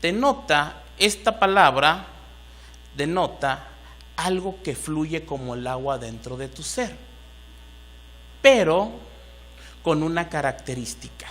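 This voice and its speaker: A man's voice: a little high, expressive, slow pace, long pauses, pushed and bright. A man with a Mexican Spanish accent preaching a sermon to a congregation, rising into emphatic bursts and asking the room questions. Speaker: pastor. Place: church hall.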